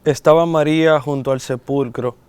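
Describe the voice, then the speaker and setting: A man reading a Gospel passage aloud in a steady, measured way during a sermon. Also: on the high side, clean tone, dry recording. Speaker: scripture reader.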